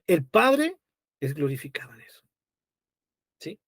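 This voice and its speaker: A man preaching a Bible study in an animated, emotive way, often calling the listeners brother. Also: on the high side, a little slow, no room sound, studio quality.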